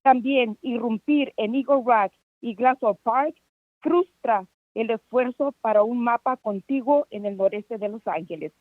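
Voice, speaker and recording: A woman caller gives a formal comment. Her voice sits a little high, and the thin phone line sounds dry. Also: normal speed, no room sound.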